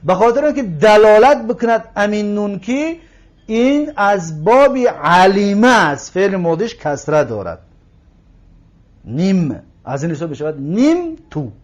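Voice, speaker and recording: A man teaching an Arabic grammar lesson in Persian, explaining slowly, repeating words and checking that listeners follow. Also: high voice, very animated. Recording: dull lo-fi recording.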